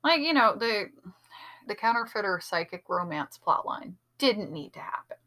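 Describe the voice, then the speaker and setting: A podcast co-host with a bright, forceful, mid-range voice breaks down a TV episode in analytical detail. She's very animated and speaks at a moderate pace, keeping it chatty and sprinkling in plenty of "like" and "um".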